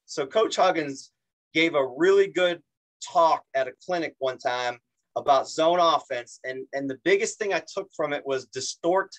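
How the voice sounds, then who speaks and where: A basketball coach with a New York accent explains zone offense on a video call. His voice sits a bit high for a man, and he talks in an animated way, restarting phrases and joking at his own expense. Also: moderate pace, rough recording. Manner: animated, repeats words, self-deprecating jokes.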